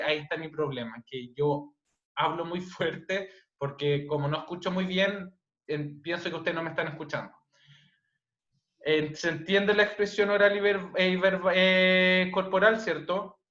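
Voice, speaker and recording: A man with a Chilean accent teaching an online class, speaking loudly and checking in with tag questions. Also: fairly high pitch, fairly even intonation, moderate pace. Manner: loud, frequent "¿cierto?" tag questions. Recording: dull, roomy online-class audio.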